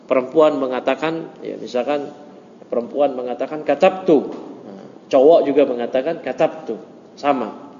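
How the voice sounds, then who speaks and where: A man teaching an informal grammar class, joking and chatty, mixing Arabic terms into relaxed explanations. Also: mid-range voice, normal speed, a little hiss or hum. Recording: muffled echoey room recording.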